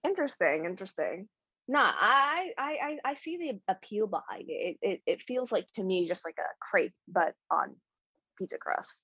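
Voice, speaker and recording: A woman with a husky voice co-hosts a podcast, and her pitch swings up and down as she talks. She rambles playfully through loose, filler-heavy casual chat. The sound is dry and a little dull, like a lo-fi home mic. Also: sing-song, moderate pace, sharp tone, no echo. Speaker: podcast co-host.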